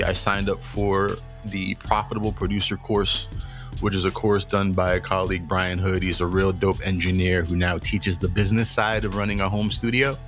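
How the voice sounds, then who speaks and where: A young adult man hosting a podcast, telling stories and giving career advice in a casual, profane, animated way. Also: sits low. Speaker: podcast host.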